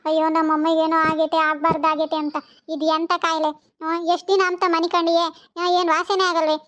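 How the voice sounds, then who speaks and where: A woman's voice: very high-pitched, flat delivery, fast talker, a bit bright. A woman voicing a caring, anxious mother-in-law who coaxes and questions. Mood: coaxing. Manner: coaxing, worried questioning. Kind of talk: cartoon voice acting. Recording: dull lo-fi recording.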